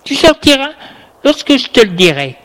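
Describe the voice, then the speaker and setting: Storybook grandmother, strict and reproachful, read by a man pitching up, slow deliberate lines. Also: huge pitch swings, pushed and bright, exaggerated voice. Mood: scolding. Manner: scolding, reproachful. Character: stern scolding grandmother, older woman.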